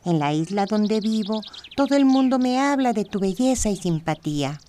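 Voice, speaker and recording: A woman's voice: mid-range voice, lively intonation, moderate pace, mellow, a little hiss or hum, close to an everyday voice. A woman voicing a playful, friendly magic butterfly in a children's audio story. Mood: playful, coaxing.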